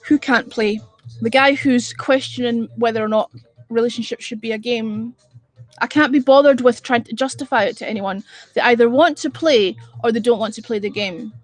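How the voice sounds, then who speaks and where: Faint music plays behind a livestream host from Edinburgh, Scotland, who speaks with a Scottish accent at a moderate pace in a fairly high-pitched voice. She chats casually with viewers, sounding blunt and exasperated and swearing freely.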